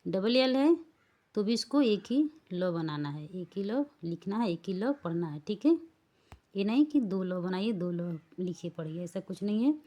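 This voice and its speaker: Warm, animated and unhurried, this woman's mid-range voice leads a slow spelling-rule lesson. She teaches English pronunciation rules, spelling each word letter by letter and making sure the learners keep up.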